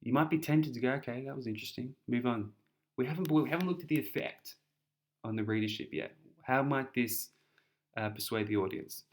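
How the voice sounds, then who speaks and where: A man's voice: medium pitch, brisk, slight background noise. A young man with an Australian accent explains an essay in a chatty, casual tutoring style, often repeating words and restarting.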